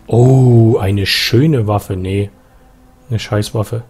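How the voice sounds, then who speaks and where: A man with a Saxon German accent giving live let's play commentary, excitable, with loud outbursts and swearing at enemies. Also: lowish voice, drawn-out words, soft background music.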